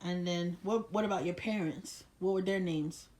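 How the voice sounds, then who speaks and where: A grandchild interviewing their grandfather, gently prompting with short questions and frequent okays. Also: mid-range voice, steady tone, normal speed, roomy sound. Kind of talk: casual interview.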